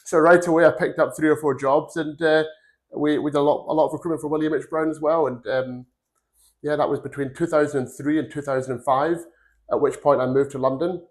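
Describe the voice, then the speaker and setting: A man's voice: fairly high pitch, steady tone, fairly quick. A man in his forties, originally from Glasgow, talks through his career as a podcast guest in a rambling, earnest storytelling way. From Glasgow, Scotland. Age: 40s. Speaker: podcast guest, recruitment firm founder. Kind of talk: casual career interview.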